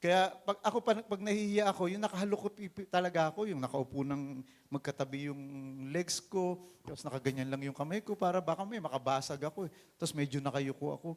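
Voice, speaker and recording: A man with a Filipino accent, a pastor preaching an animated sermon that swings between loud calls and low asides. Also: quick pace. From Philippines.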